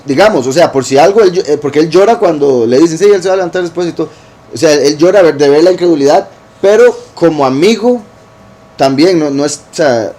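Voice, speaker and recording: A man teaching scripture in a relaxed, conversational way, often checking in with listeners and rephrasing as he goes. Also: a little high. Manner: informal, rephrases as he goes, asks "¿verdad?" often. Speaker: teacher of a congregation.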